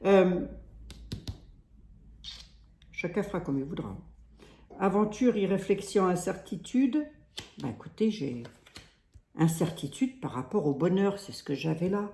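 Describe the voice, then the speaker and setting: This is a woman reading tarot in a relaxed, meandering monologue, her Lorraine French accent clear as she keeps restarting and adding "hein". She speaks on the low side at a moderate pace, expressive, creaky and warm, and the sound is roomy.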